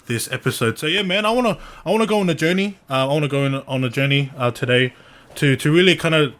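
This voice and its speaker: Man, slightly high pitch, podcast host, casual chat, earnest, slangy, halting repetitions. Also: fairly bright tone.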